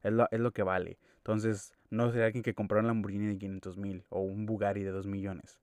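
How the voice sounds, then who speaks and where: A man's voice: on the low side, level tone, a little fast, darkish tone, clear, resonant tone, no echo, studio quality. A young man with a Mexican accent rambling casually in a monologue, slangy and full of swearing. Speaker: podcast host.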